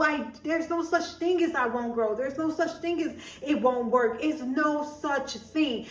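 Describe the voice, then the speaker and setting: A woman's voice: on the high side, roomy sound, distant mic. A young woman hosting a podcast, talking in a chatty, emphatic way with many asides and a country twang that comes and goes. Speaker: podcast host. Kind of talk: casual motivational monologue.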